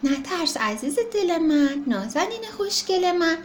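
A woman's voice: very high-pitched, sing-song, a little hiss or hum. Woman voicing a doting mother elephant. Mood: coaxing. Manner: coaxing, affectionate. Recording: roomy echo.

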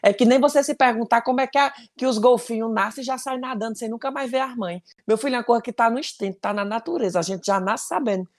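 A woman's voice: fairly high pitch, fast, hardly any pauses. A woman with a Cearense accent chatting casually, explaining things with jokes. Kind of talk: casual chat.

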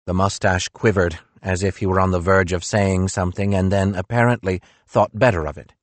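A man reading a novel aloud as narrator, in a measured storytelling manner. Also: low voice, fairly even intonation, no echo. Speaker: audiobook narrator. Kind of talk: scripted narration.

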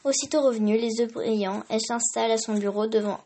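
A woman's voice: on the high side, steady tone, quick pace, mellow, slight background noise. Woman reading a children's storybook.

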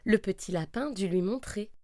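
A woman narrating a children's story, expressive and lively. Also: mid-range voice, normal speed, heavy background noise. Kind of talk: storybook reading.

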